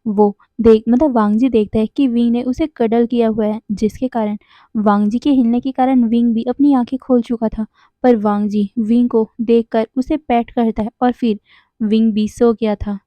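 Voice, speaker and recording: A woman's voice: fairly high pitch, fairly even intonation, moderate pace, no room sound, highs cut off. A woman narrating a fan story in a casual, conversational way, now and then correcting herself.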